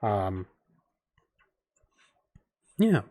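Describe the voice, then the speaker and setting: A man's voice: on the low side, very animated, extremely slow, mellow, no echo. A man narrating as game master of a tabletop game, loose and thinking aloud with many fillers.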